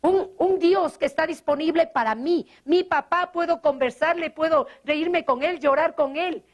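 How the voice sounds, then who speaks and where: A woman pastor preaching a sermon, earnest, asking rhetorical questions and quoting scripture, slowing and softening on tender lines. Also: very high-pitched.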